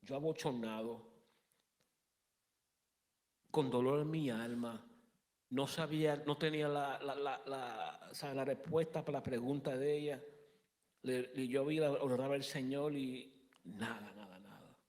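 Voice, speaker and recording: A man in his thirties giving a halting personal testimony in a church interview, often restarting and slipping in English words. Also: medium pitch, a little mellow, long reverb tail.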